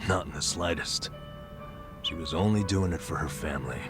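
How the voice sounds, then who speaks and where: In a video game, an actor voices a burned-out, middle-aged former nurse who tells his story in an American accent with wry, self-deprecating weariness. The mood is wry and regretful. His bass voice moves at a moderate pace over background music.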